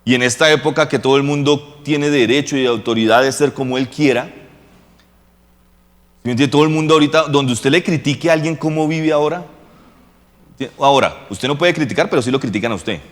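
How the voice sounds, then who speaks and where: A man preaching in a church with a long echo, relaxed and joking, asking the congregation whether they follow him. His voice sits at a middle pitch, and the sound lingers in the big room. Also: brisk. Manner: casual, joking preaching with rhetorical questions to the congregation. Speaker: pastor. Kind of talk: sermon. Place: church hall.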